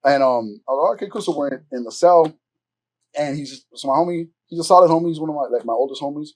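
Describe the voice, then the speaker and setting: A man hosting a podcast, telling a story in animated casual chat full of swearing and acted-out quotes. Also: on the high side, fast talker. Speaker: podcast host.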